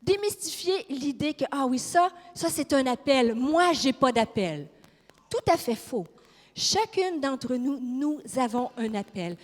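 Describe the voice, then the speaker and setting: A woman with a Québécois accent preaches with fire and emphasis, often putting questions to the congregation. Her voice sits high, and the sound rings with the long reverb of a large church hall. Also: expressive, measured pace. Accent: Québécois French. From Quebec. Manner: fiery, emphatic, questions the audience. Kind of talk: sermon.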